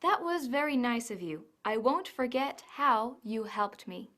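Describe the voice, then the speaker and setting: Female English teacher, slightly high voice, slow scripted lesson delivery. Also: lively intonation, fairly bright tone. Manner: slow, careful, models English phrases.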